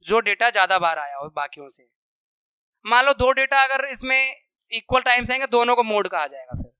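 A male maths teacher talks through a lesson for children, working through numbers out loud and stopping often to check that they follow. His voice is bright and very crisp. The sound is dry and close, with no room echo. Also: very high-pitched. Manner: counts aloud, checks in with "okay".

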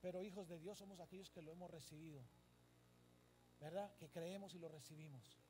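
A man's voice: fairly high pitch, steady tone, fairly quick, dark tone, a little hiss or hum. A male pastor preaching a sermon to his congregation, emphatic, asking them questions and repeating phrases. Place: church service.

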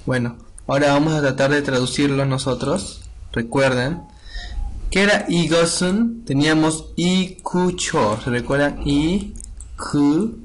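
A young man teaching a Korean language lesson, slowly reading dialogue lines and repeating them for students. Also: fairly high pitch, a little hiss or hum.

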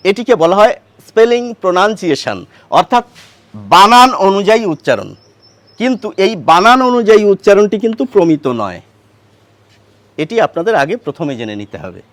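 High, lively male pronunciation teacher. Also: fairly quick, pauses often, no echo. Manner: patient, asks and answers his own questions. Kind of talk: explanatory grammar lesson.

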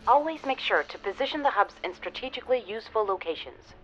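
A woman's voice: a little high, expressive, fast, muffled recording, faint music behind, natural voice. A woman playing a practical space crew member, advising matter-of-factly in scripted game dialogue.

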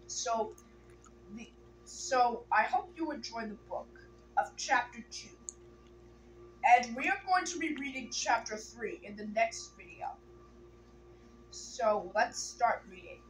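Field: reading aloud. Sex: woman. Pitch: slightly high. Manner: plain, unhurried storybook reading. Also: slight background noise, rough recording. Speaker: storybook reader. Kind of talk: reading a children's book aloud.

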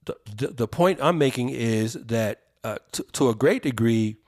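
A man's voice: medium pitch, lively intonation, normal speed, darkish tone. A man co-hosting a podcast, talking in an emphatic, preacherly way and drawing out the words he stresses. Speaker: podcast co-host. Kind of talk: opinionated podcast commentary.

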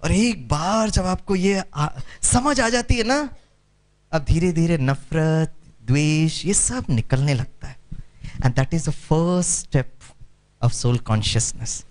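A man's voice: a little high, animated, slow. A man from Kerala, giving a spiritual lecture to an audience, mixing Hindi with English and calling for responses. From Kerala, India. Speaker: meditation speaker.

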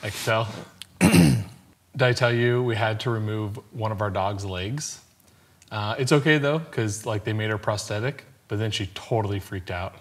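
A man in his thirties telling short pun jokes conversationally, deadpan as he tries to keep a straight face. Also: fairly low pitch, moderate pace. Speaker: contestant in a joke-telling challenge. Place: indoor studio set.

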